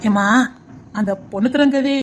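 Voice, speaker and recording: A woman voicing a calm, sympathetic male politician who speaks in a soothing, matter-of-fact way, with a Tirunelveli Tamil accent. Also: on the high side, normal speed, a little hiss or hum, close to an everyday voice.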